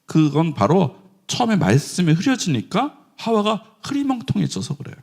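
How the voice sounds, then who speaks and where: A middle-aged man preaches a sermon with a fairly high voice that leaps up and down. He acts out quoted voices and breaks into sharp shouted rebukes. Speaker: pastor. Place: church sanctuary.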